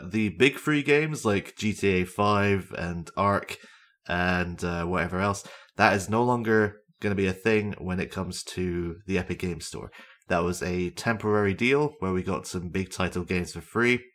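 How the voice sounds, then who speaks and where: A man's voice: lowish voice, a bit bright. A young man hosting a podcast alone, chatting casually and rambling with lots of fillers and self-deprecating asides. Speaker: podcast host. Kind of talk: casual solo podcast chat about games.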